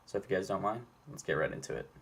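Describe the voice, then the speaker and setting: A man's voice: low voice, expressive, very fast, creaky, a bit bright. A young man in his twenties hosting a casual student interview, asking questions with many fillers and restarts.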